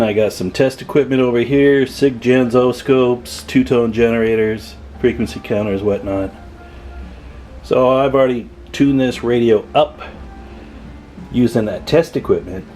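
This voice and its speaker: A radio repair technician who hosts videos gives a casual, hands-on repair demo at an indoor workbench. He talks in a folksy, chatty way, his medium-pitched voice warm.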